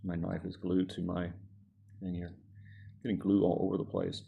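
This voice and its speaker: A man's voice: low-pitched, monotone, normal speed, gravelly, slightly rough, narrow, tinny audio. A man casually narrating a hot-glue craft project, rambling and correcting himself as he works. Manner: rambling, self-correcting, chuckles at own jokes. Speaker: craft vlogger.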